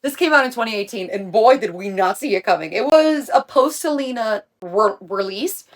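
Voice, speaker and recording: A woman's voice: a little high, lively intonation, normal speed. A young woman talking casually through a video essay on music, chatty and emphatic, with slang and the odd swear. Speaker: music commentary creator.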